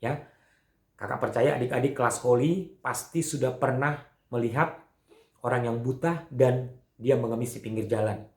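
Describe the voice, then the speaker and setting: Acting out the characters' lines, a man teaching Sunday school tells children a Bible story in an animated way, using frequent fillers. He has a medium pitch and moderate pace, recorded in an echoey room.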